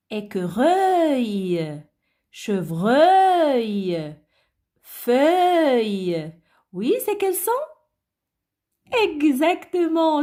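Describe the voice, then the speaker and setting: A woman teaches children a phonics lesson at a very slow, careful pace, stretching out each word and sound. Her voice sits a little high and swings widely in pitch, with coaxing questions that keep checking the children follow. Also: a little mellow. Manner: slow, drawn-out word and letter pronunciation; coaxing, frequent checks like "d'accord?".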